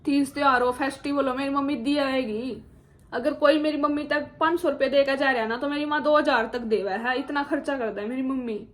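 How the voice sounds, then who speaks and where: A woman's voice: high voice, fairly even intonation, brisk. A young woman with a Haryanvi accent telling her personal story and earnestly appealing to viewers in a vlog monologue. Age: young adult. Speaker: vlogger.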